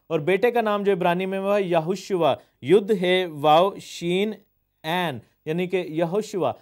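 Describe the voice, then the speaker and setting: High-voiced pastor teaching a sermon. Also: male voice, a little mellow. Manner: explains word meanings, mixes in English phrases, many hesitations.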